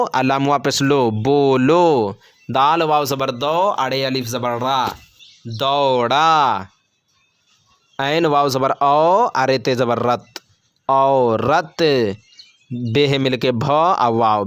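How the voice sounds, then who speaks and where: A man teaching how to read Urdu, spelling words letter by letter and then reading each one slowly. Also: mid-range voice, smooth. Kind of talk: slow spelled-out reading lesson.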